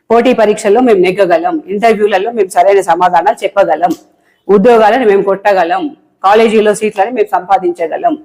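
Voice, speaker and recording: Fast, fiery Telangana woman ranting. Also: mid-range voice, a little mellow, rough recording. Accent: Telangana Telugu. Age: adult, married. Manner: angry, impassioned and repetitive. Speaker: online political commentator. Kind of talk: heated monologue to camera.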